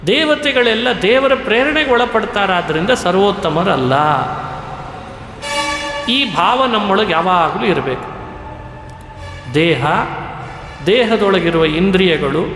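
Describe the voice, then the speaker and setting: A man giving a devotional sermon, speaking in a slow, measured way and now and then chanting verses. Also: sits high, a bit bright. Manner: slow and measured, breaks into sung Sanskrit verses. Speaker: religious discourse speaker. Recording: echoey hall with faint ambience.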